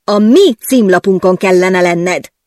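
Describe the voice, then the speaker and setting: An audiobook narrator voicing an angry, impatient male newspaper boss who barks commands and yells. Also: mid-range voice, dry recording, clean studio sound, natural voice. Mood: demanding.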